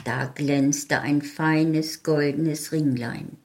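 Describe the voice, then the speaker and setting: A woman reading her own short story aloud in a slow, calm, measured way. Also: sits low.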